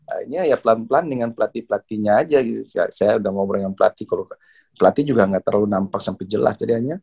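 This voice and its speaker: A middle-aged man from Indonesia, a badminton coach, telling stories in a relaxed interview, laughing often and repeating words as he searches for them. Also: lowish voice, rapid-fire, vocal fry, husky. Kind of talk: casual interview storytelling.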